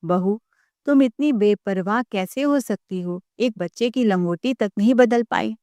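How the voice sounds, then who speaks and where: A woman's voice: mid-range voice, unhurried, dark tone, dry recording, close to an everyday voice. A woman voicing a bossy older mother-in-law who gives orders. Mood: reproachful.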